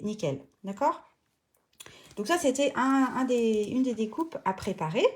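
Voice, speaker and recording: A woman's voice: fairly high pitch, darkish tone, a little hiss or hum. A middle-aged woman from western France hosting a live paper craft tutorial from home, chatty and playful, with many hesitations. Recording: echoey room.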